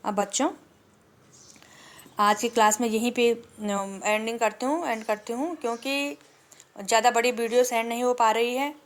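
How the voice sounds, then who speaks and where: A woman's voice: a little high, steady tone. A woman teaching a grammar lesson to children, patiently explaining, asking questions and answering them herself. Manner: drawls vowel sounds slowly as examples.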